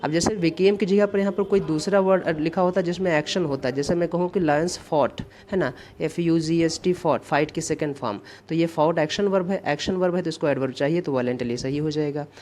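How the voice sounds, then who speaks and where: A man teaches an exam-prep English grammar lesson. He explains each answer step by step and repeats the key forms. He reads the example sentences out slowly and carefully. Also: on the high side, darkish tone.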